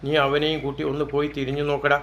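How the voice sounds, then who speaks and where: A man's voice: on the high side, monotone, quick pace, a bit bright, muffled recording, a little hiss or hum, close to an everyday voice. A man voicing a scolding old grandmother. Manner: chiding, coaxing.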